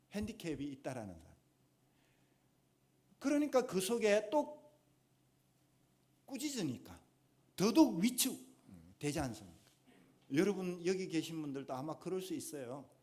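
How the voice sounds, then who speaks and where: Man, Gyeongsang accent, pastor preaching, high voice, lively swooping pitch, emphatic. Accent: Gyeongsang Korean. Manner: emphatic, rising to forceful exhortation. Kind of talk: sermon. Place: church sanctuary.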